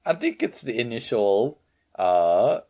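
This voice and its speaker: A man's voice: mid-range voice, sing-song, takes it slowly, a little mellow. A man co-hosting a casual podcast in an easygoing, agreeable way, with plenty of likes and uhs. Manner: easygoing, agreeable, many fillers. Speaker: podcast co-host.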